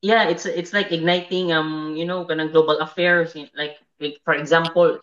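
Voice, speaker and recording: A woman hosts a casual podcast chat, feeling her way through questions with ums and likes. Her voice is low for a woman and sounds roomy and a little dull, as on a lo-fi recording. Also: steady tone, normal speed. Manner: hesitant, searching with ums and likes, asking prompting questions.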